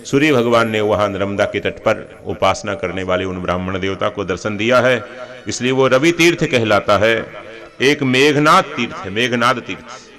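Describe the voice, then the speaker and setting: A man's voice: on the low side, moderate pace, a bit bright. A man preaching a devotional sermon, telling scripture stories in a homely, anecdotal way with humorous asides. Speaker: religious preacher.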